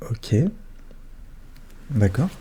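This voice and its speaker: A man doing a soft-spoken, ASMR role-play as a psychologist, questioning gently and attentively in a hushed voice that drifts into speaks softly. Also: extremely slow, slight background noise. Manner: gentle, attentive questioning with short murmured acknowledgements.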